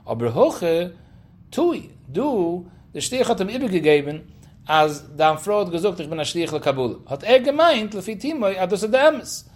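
Man teaching Talmud, raised pitch. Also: sing-song, moderate pace. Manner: reasons aloud with rhetorical questions. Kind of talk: Talmud study lecture.

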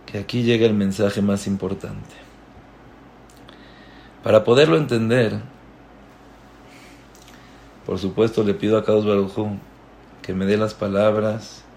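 A man, a religious teacher, giving a moralizing sermon and telling a story in a deliberate, storytelling way. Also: fairly low pitch, fairly even intonation, darkish tone, slight background noise.

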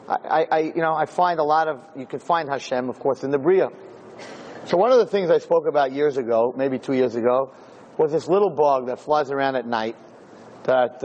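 A rabbi with a slightly high, a little mellow voice gives an informal, emphatic Torah lecture to a roomful of listeners, posing many rhetorical questions. The recording is low quality with slight background noise.

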